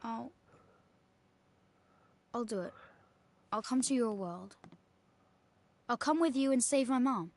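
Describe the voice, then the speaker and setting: A woman's voice: on the high side, takes it slowly, long pauses, darkish tone. Oliver, a woman voicing an earnest boy. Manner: earnest, questioning. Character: earnest young boy hero.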